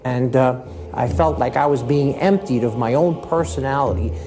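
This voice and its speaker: A man in an archive interview recalling his past, halting and hesitant with many fillers. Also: medium pitch, music in the background.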